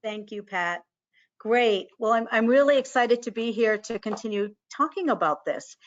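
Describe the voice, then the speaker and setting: A woman's voice: fairly high pitch, expressive, moderate pace. A woman moderating a webinar panel who greets each speaker with upbeat affirmations. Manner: upbeat affirmations, some fillers. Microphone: video call. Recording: muffled video call audio.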